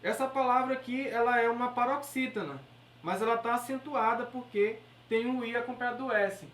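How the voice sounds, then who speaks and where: A woman's voice: a little high, fairly quick. A woman with a Brazilian Portuguese accent teaching an exam-prep grammar lesson, explaining step by step and checking in with her listeners. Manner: explanatory, checks in with "beleza?" and "certo?". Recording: echoey room, voice from far off the mic.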